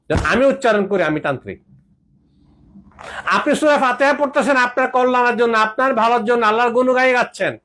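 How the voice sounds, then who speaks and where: High-voiced preachy Bangla-speaking man. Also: a bit bright. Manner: preachy, quotes Quranic verses, mixes in English phrases. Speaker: homeopathic practitioner. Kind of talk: preachy health talk.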